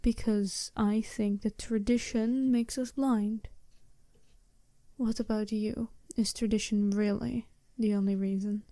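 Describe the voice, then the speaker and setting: Here a woman performs a smooth, businesslike, seductive werewolf bride in a soft-spoken ASMR roleplay, frank and measured in mood. Her medium-pitched voice keeps a fairly even intonation while she talks politely and formally in measured phrases, with no echo.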